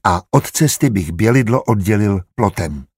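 In this audiobook, a man reads a good-natured, learned steward who lays out his plans with eager kindness. The voice is husky with a little breath in it, and the recording is dry and close. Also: on the low side, expressive, darkish tone, dry recording. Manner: explains eagerly and kindly. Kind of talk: audiobook character reading.

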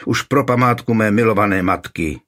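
A man's voice: on the low side, fairly bright tone, natural voice. A man voicing a spoiled, lying young man pleading and accusing in a raised, whining voice.

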